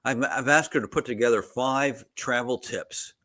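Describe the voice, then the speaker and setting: A man co-hosting a local podcast, talking in a halting way with restarts. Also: mid-range voice, fairly bright tone. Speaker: podcast co-host, politics. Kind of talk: casual chat.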